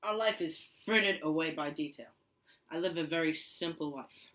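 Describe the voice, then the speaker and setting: A man's voice: a little high, moderate pace, sharp tone, rough recording. A young man playing a proud male nonconformist writer in an amateur school skit, reciting prepared lines plainly. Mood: steady. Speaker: interview guest in a school skit.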